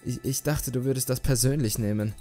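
A man's voice: mid-range voice, brisk, dark tone, faint music behind, natural voice. A man voicing a shy, worried young female model in a horror story reading, speaking hesitantly and with concern.

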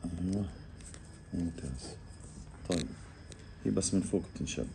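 A man, casually explaining to viewers while calmly coaxing an animal, often in a hushed voice. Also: sits low, moderate pace, gravelly, noisy background. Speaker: reptile keeper vlogger. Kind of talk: casual handheld animal vlog.

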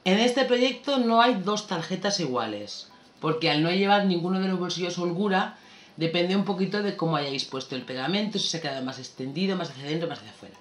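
A woman explains a scrapbooking project in a relaxed, conversational tutorial voice-over. She chats and muses aloud as she works. The sound is roomy, with faint music underneath. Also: fairly low pitch, fairly quick. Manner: chatty, relaxed, thinking aloud while working. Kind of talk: casual craft tutorial voice-over.

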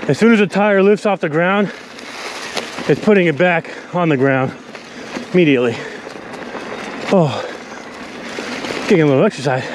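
Man shouting excitedly while riding a trail. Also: a little high, normal speed, long pauses, background noise. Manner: loud and excited, breathing hard while riding. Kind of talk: riding commentary. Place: outdoors on a forest trail.

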